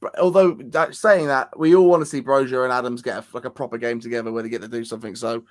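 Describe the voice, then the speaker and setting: Halting, mid-pitched man talking football. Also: fairly even intonation. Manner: halting, many restarts and repeats. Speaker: co-host of a football fan channel. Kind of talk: casual chat.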